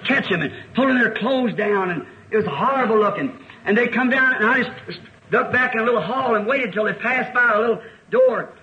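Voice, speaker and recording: A man's voice: very high voice, normal speed, sharp tone. An American man preaching a sermon, telling a story earnestly and rising to fervent exclamations. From United States. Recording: dull archive recording with faint hiss.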